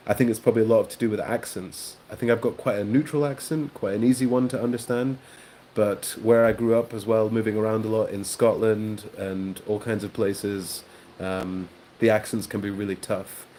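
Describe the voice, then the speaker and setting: A man hosting a live stream, chatting casually with viewers in a relaxed way, with frequent ums and soft laughs. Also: on the low side, normal speed, slight background noise. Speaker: host of a live watchalong stream.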